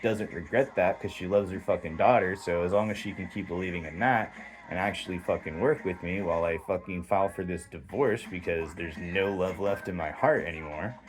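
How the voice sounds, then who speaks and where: A man's voice: deep voice, poor audio. A man delivering a heated, rambling, profanity-filled monologue straight to camera as a vlogger.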